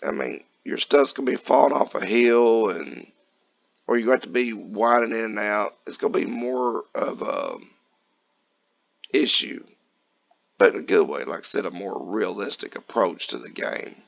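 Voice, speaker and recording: Low, gravelly man with a morning rasp. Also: a little slow, lo-fi sound. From Kentucky. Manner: relaxed, rambling, folksy. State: raspy, just woken up. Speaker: gaming channel host. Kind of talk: casual gameplay commentary.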